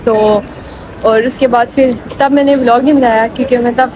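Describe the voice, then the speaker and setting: A woman's voice: a little high, steady tone, moderate pace, background noise. A young woman, vlogging while she walks through a big shopping mall, talking into a phone at arm's length in a chatty, rambling way. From Pakistan. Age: young adult. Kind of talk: casual walking vlog. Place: large indoor shopping mall. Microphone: phone held at arm's length. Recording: busy mall ambience behind.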